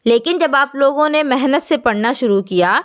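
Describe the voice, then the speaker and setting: A woman teaching an online Quran recitation class, explaining slowly and asking her students questions. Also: high-pitched, animated. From Jammu, India.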